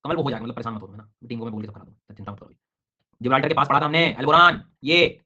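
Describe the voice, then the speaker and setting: A man runs an online geography class, talking very fast and calling on students by name. His comes through as he explains and questions them. The recording is dull and lo-fi. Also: mid-range voice, lively intonation, bright, forceful tone. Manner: brisk, quizzing students by name. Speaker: teacher.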